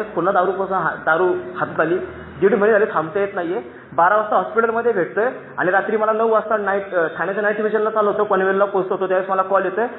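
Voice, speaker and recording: High-voiced man giving an earnest testimony. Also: a little hiss or hum. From Maharashtra. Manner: earnest, emphatic, keeps addressing friends. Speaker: recovery meeting speaker. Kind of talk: personal testimony speech. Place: meeting hall, on a dais. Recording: echoey, tinny phone-like recording.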